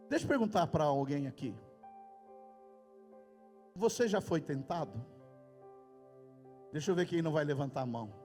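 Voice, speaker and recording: High-voiced Brazilian pastor preaching. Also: male voice. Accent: Brazilian Portuguese. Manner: emphatic preaching with sudden loud outbursts. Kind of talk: sermon. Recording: reverberant hall with faint music. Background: faint music.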